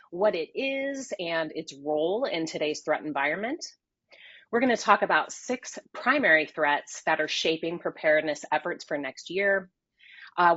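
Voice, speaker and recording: A woman with a lowish voice and a fairly bright tone moderates a business webinar. She introduces speakers and runs polls in an upbeat, scripted manner, and the audio is dry and slightly dull.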